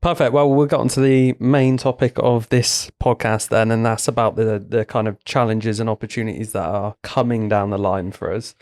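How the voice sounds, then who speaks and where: Man, podcast host, low and flat voice, matter-of-fact, dry close sound. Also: moderate pace, few pauses, dry recording. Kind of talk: casual chat, steering the topic.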